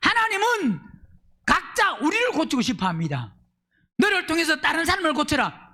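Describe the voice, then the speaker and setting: A man preaching a Sunday sermon as pastor, firing questions at the congregation and swinging between loud emphatic bursts and low asides. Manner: fires rhetorical questions at the congregation.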